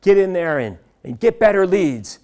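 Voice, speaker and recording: A middle-aged man giving a live seminar talk, telling a story in an animated way and acting out what his colleagues said. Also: high voice, moderate pace. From United States. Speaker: seminar speaker.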